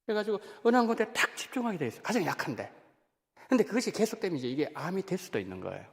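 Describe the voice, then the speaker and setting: A man, a senior pastor, preaching a sermon in a church, talking in an animated way that rises and drops sharply for emphasis. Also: high voice, rapid-fire, gravelly, slightly rough. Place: church sanctuary. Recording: long hall reverb of a church.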